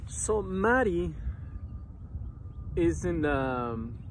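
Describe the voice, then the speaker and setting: This casual vlog comes from a thirty-something lawn care business owner chatting to his phone camera at arm's length while sitting on city park grass, rambling and using plenty of fillers. His voice sits on the high side, very animated but delivered extremely slowly, with slight background noise.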